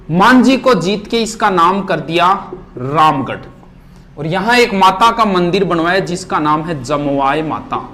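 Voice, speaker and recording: A man teaching a history revision lesson at a board, reciting names and facts in quick lists. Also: sits high, fairly bright tone. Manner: rapid, list-like recitation. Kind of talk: fast exam revision lecture at a board. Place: classroom with board.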